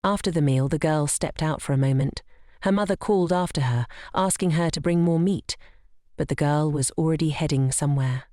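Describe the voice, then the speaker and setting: Female recap narrator, steady scripted read, warm tone, dry close sound. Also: low-pitched, brisk, no room sound.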